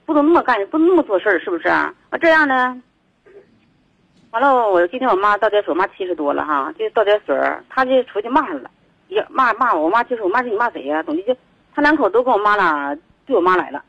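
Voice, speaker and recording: Male caller, rambling and agitated, fast and gravelly, heard over a muffled phone line. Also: high voice, a bit bright, no echo. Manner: rambling, agitated, repeats himself. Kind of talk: phone call to radio show.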